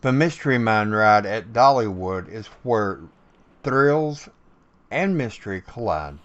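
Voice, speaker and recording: A man's voice: lowish voice, lively intonation, slow, a bit bright, lo-fi sound. A man narrating a scripted promotional video as its host.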